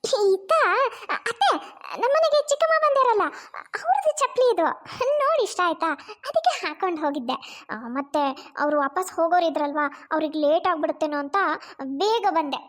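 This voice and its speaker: Carefree young daughter-in-law, voiced by a woman, breezy, defensive, very high voice. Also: expressive, a little fast. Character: carefree young daughter-in-law who takes others' slippers.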